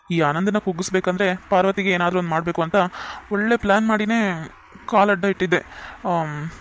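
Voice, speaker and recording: A man's voice: high-pitched, natural voice. A man voicing a scheming young village villain in a cartoon, who mutters gloating asides to himself. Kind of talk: cartoon voice acting.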